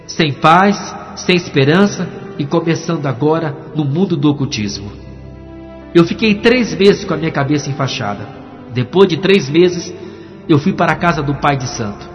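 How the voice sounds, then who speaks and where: A man's voice: a little high, expressive, normal speed, soft background music. A pastor giving a dramatic testimony sermon, acting out the voices in his story. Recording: dull recording with long hall reverb.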